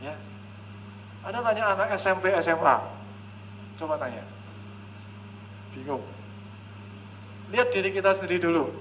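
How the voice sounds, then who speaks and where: A man's voice: high-pitched, normal speed, long pauses, a bit bright, slight background noise, rough recording. A man speaking as a counselor at a live seminar, who often checks in with the audience and acts out conversations between parents and children.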